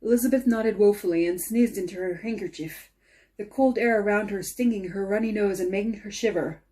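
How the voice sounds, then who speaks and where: A woman's voice: medium pitch, a little fast, warm tone. A sniffly woman with a congested, sneezy air, reading a story aloud with casual asides. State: sniffly, sneezy, interrupted by coughs. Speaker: fiction reader.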